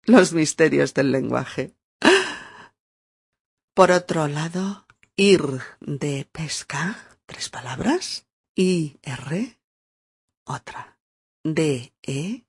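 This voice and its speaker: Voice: mid-range voice, extremely slow, gravelly, long pauses, breathy edge, no room sound, studio quality. A teacher, giving a podcast language lesson, spelling words out letter by letter and laughing often. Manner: acts out example phrases with lively shifts in tone. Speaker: Spanish teacher.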